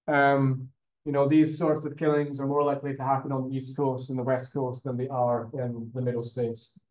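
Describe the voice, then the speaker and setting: A male university lecturer gives a classroom lecture in a mid-range, darkish voice with little pitch movement, speaking at normal speed. His style is conversational, with frequent fillers and check-ins of "okay?". The lecture-room recording sounds roomy and dull.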